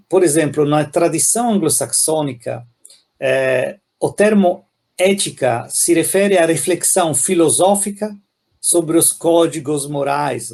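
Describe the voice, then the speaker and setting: A man from Italy with an Italian accent, a philosophy professor explaining ideas thoughtfully in an interview, often pausing and adding "né?". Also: on the high side, gravelly, a little mellow. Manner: thoughtful, many pauses and "né?" tags.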